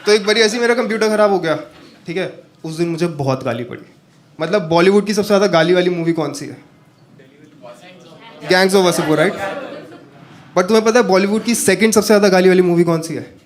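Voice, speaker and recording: A man's voice: high voice, brisk, long pauses. A man from northern India doing a stand-up comedy set, telling stories and talking to the audience. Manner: animated storytelling, talks to the audience. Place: comedy stage with a live audience.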